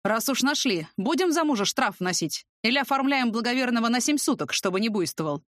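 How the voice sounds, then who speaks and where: A woman reading an audiobook, voicing a gruff, bossy middle-aged police officer who barks orders and lectures. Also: fairly high pitch, expressive, fairly quick, fairly bright tone, no echo, clean studio sound. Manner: barking, commanding, fatherly lecturing. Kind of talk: audiobook character voice.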